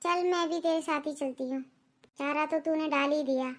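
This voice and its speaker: A woman voicing a kind elder daughter-in-law in a cartoon, soft-spoken, sympathetic and a little troubled. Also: high voice, steady tone, moderate pace, lightly acted. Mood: caring. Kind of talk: Hindi cartoon voice acting.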